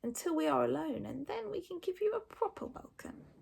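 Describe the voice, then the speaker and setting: A woman's voice: very high voice, expressive, a little fast, vocal fry, a little mellow, voice pushed up, heavily acted. A woman voicing a big, sly, catlike hunting dragon in a storybook, menacing and hissing. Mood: sly menace. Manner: hissing, purring, whining.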